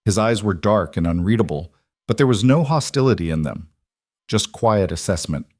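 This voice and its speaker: A man's voice: lowish voice, lively intonation, normal speed, a little mellow, dry recording, studio quality. A man reading a dramatic western story as scripted narration.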